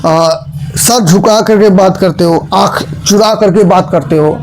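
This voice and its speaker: A man's voice: high-pitched, unhurried, vocal fry, slight background noise. A man explaining a lesson step by step, asking rhetorical questions and demonstrating tones and expressions as he teaches.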